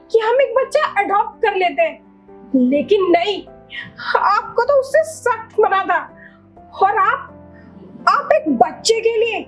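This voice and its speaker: A woman acting as a young daughter-in-law in a family drama, wounded but standing her ground, speaking slowly and brokenly when upset. Her voice is very high, and soft music plays behind. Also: lo-fi sound. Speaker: actor in a family drama short. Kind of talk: melodramatic short-film acting.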